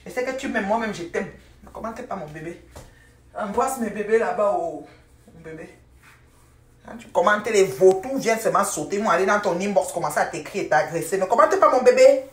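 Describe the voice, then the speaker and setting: A woman's voice: mid-range voice, lively intonation, fairly quick, far from the mic. An older woman hosting a casual live stream from home, chatting affectionately with viewers, repeating pet names and laughing often. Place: at home, indoors. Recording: roomy, voice off the mic.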